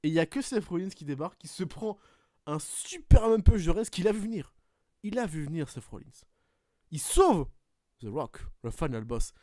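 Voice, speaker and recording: A man hosting a podcast, swearing often as he retells a wrestling match in an animated play-by-play. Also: on the high side, normal speed, no room sound, clean studio sound. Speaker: podcast host. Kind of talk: casual podcast chat, excited match recap.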